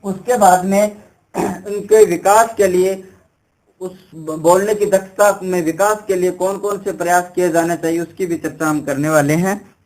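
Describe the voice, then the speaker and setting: A man with a somewhat high-pitched voice delivers a classroom lecture for exam prep. He explains patiently and repetitively, often posing a question and then answering it. His tone is that of a young instructor talking through notes. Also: steady tone, unhurried, a little mellow, poor audio. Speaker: teacher.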